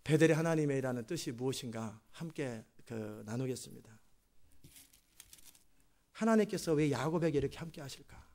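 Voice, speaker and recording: A male pastor preaching a sermon, retelling a story in an animated way with chatty asides to the congregation. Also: mid-range voice, normal speed, pauses often. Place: church sanctuary.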